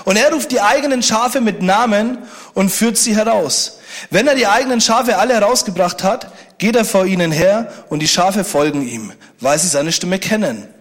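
A man's voice: high voice, moderate pace. A man preaching a sermon, speaking conversationally and joking with the congregation. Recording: long hall reverb.

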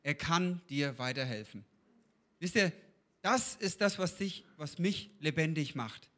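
A man's voice: a little high, animated, measured pace, fairly bright tone. A man giving an informal sermon in a conversational way, turning to his listeners with questions. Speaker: preacher.

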